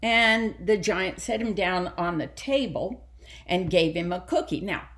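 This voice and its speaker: A woman librarian telling a children's story aloud, animated and asking the children questions. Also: lowish voice, measured pace.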